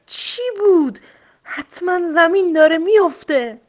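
A woman's voice: very high-pitched, very animated, pitched above the performer's own voice. A woman voicing a timid, frightened young rabbit in a storybook, crying out in panic. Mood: panicky.

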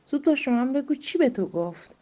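A cheerful male hunter teases his friend in a light, lifted voice, as a woman puts him on. The tone is mellow and dark. The recording is muffled and lo-fi. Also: high voice, very animated, voice pushed up. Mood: teasing.

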